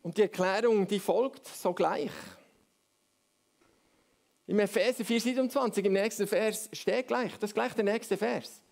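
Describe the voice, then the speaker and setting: A man's voice: high-pitched, measured pace, vocal fry. A man preaching a sermon, explaining step by step and often checking in with "oder?".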